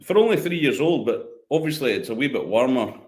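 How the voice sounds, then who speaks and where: A man's voice: medium pitch, expressive, a little fast. A middle-aged man from northeast Scotland with a broad Doric accent, chatting casually as an interview guest. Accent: Doric, northeast Scottish. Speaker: interview guest, whisky maker. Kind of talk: casual chat.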